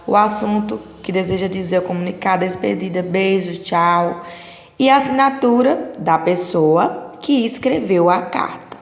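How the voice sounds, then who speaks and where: A woman teacher with a Brazilian Portuguese accent, patiently explaining a lesson to children and slowly drawing out example words. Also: mid-range voice. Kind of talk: recorded classroom lesson. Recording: echoey room with long reverb.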